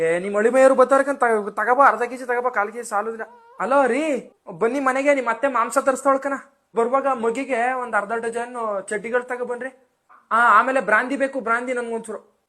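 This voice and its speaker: A man's voice: very high-pitched, a bit bright. A man acting as a fussy, gossipy young village mother just after childbirth, nagging and chattering on the phone in a comic skit.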